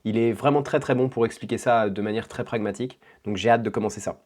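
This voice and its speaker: A man's voice: on the low side, quick pace, darkish tone, a little hiss or hum. A man from France in his thirties, chatting informally to camera in a casual vlog, full of fillers and slang. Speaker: vlogger.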